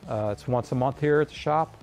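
A man's voice: medium pitch, a little fast, a little mellow, faint music behind. A man in his fifties who owns a hot rod shop, explaining welding in a plain-spoken, rambling way from a large fabrication shop.

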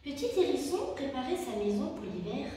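A woman reads a children's story aloud in a gentle, expressive voice, pitched a little high. She sounds distant in a large echoing hall, with faint ambience behind her. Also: normal speed, slight background noise. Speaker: childcare worker. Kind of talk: storybook reading for young children. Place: childcare centre room. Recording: echoey hall from far off.

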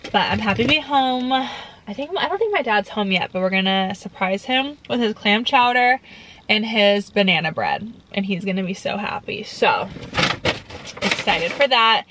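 A young woman in her early twenties vlogs in a casual, chatty way. She has a bubbly, excitable sorority-girl manner and a mid-range pitch. There is clear background noise on the recording. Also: moderate pace, low-quality recording. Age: early 20s. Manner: frequent filler "like". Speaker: college vlogger. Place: parked car and small bedroom. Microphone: camera at about arm's length.

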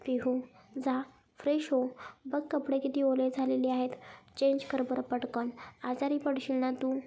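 A woman voicing a patient, caring young man who coaxes and gently scolds. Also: sits high, flat delivery, a little slow, a little hiss or hum. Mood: coaxing.

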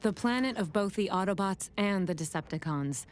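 A woman's voice: medium pitch, lively intonation, normal speed, lightly acted. A woman voicing a stern, protective female robot warrior in a cartoon, with firm, instructive delivery. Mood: explaining. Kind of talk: animated cartoon acting. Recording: loud music and effects behind.

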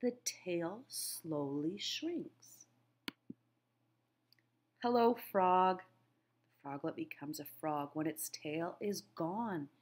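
A woman teacher reads a children's nature book aloud slowly, in a slightly husky, fairly low, somewhat mellow voice. She uses simple, deliberate phrasing and asks her young listeners questions.

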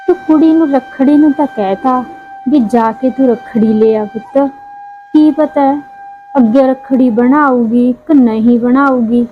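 A woman playing a caring mother who gently coaxes and consoles her daughter in an amateur short film, repeating endearments. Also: high voice. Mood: wistful. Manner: soothing, coaxing, repeats endearments. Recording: dull lo-fi sound, faint music.

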